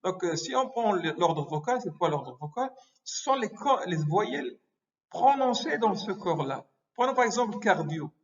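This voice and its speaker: A man giving a medical lecture, halting often with hesitations and self-corrections. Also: high-pitched, sing-song. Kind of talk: explanatory lecture. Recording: muffled lo-fi recording.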